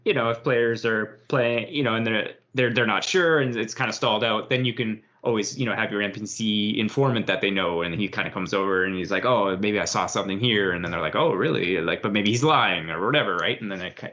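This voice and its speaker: A man co-hosting a podcast, giving rambling, relaxed advice on running tabletop games. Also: lowish voice, a little fast. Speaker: podcast co-host and game master. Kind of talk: casual chat. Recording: dull lo-fi podcast audio.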